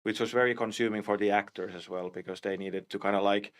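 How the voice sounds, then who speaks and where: A man, a cinematics director, talking casually in an interview, halting with many restarts and fillers. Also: on the low side, fairly even intonation. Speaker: live action and cinematics director.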